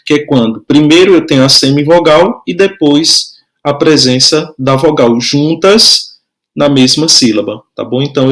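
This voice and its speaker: A man's voice: a little high, a bit bright. A man teaching a grammar lesson, explaining patiently and checking in often with his students.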